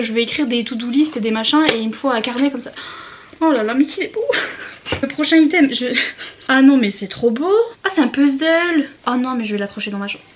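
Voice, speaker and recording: A young woman chatting excitedly during an unboxing, gushing and giggling, slipping English words into her talk. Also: on the high side, slight background noise. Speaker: book vlogger.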